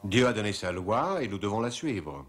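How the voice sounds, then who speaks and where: An actor playing a stern, defensive Pharisee who insists on the law in a dubbed historical drama. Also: male voice, normal speed. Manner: insistent, lively pitch. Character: stern male Pharisee, middle-aged, defensive. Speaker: interviewee.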